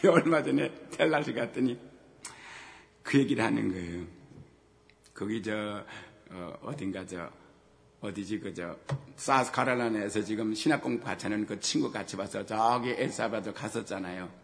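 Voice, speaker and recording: A middle-aged man preaches a sermon in a gravelly, fry-tinged voice. He tells personal stories, acting out the dialogue. His delivery swings from loud exhortation to hushed asides, with long reverb trailing behind him. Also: on the low side, moderate pace. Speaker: pastor.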